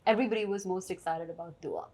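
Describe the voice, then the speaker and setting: A woman hosting a relaxed interview. She keeps nodding along with her guest in words and eases into each question with small hesitations. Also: fairly low pitch, fast. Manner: warmly affirming, frequent "yeah" and "um". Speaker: host. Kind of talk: conversational interview.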